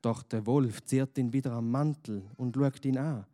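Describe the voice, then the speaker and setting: A man narrating a children's story gently, with questions to the listener. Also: medium pitch, fairly even intonation, moderate pace.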